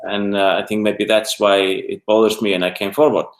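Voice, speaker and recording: A middle-aged man from Iceland with an Icelandic accent, an interview guest talking haltingly in English, his second language, searching for words. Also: fairly low pitch, little pitch movement. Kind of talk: casual interview talk. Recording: roomy echo.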